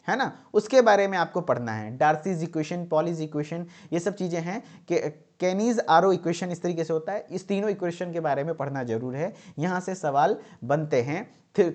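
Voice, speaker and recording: A man's voice: sits high, lively intonation, moderate pace, few pauses, darkish tone. A man teaching pharmacy exam tips, repeating key points and checking in with his students often. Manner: repetitive, emphatic, checks in with "ठीक है".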